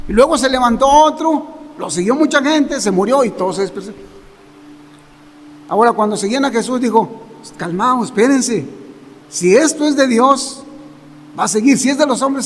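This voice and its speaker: High-voiced Mexican man teaching scripture. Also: long reverb tail. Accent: Mexican Spanish. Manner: conversational, with rhetorical questions and acted quotes. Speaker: Bible teacher. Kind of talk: Sunday morning Bible teaching.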